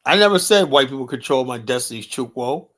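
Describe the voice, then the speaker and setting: Expressive and fairly quick, this mid-range, bit-bright voice belongs to a man from the United States hosting a live stream. He gives combative, blunt, profane commentary, arguing throughout with many "you know" fillers.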